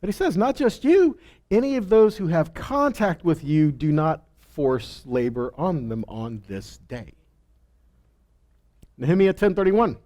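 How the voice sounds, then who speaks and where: His voice is a little high and sing-song, warm in tone, at a measured pace. He's a Bible teacher giving a relaxed sermon, reading verses aloud and discussing them with rhetorical questions and imagined replies.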